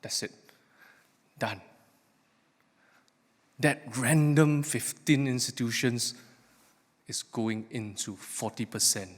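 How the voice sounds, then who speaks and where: A man giving a short live academic talk, emphatic and questioning as he addresses the audience. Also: mid-range voice. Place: large hall, speaking to a live audience. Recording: echoey hall with long reverb.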